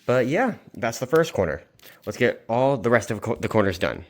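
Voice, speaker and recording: There's slight background noise as this man, the host of a casual craft vlog, rambles through a tutorial with loose asides from his basement. His mid-range voice swings widely in pitch while keeping a normal pace.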